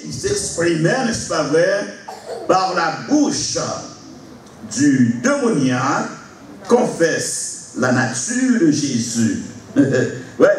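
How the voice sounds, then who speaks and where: Pasteur prêcheur dans une salle très réverbérante. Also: male voice, a little high. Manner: preaching, rising to shouts, with laughter. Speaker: pastor. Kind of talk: sermon. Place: large church hall with congregation. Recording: echoey hall, far from mic, congregation noise.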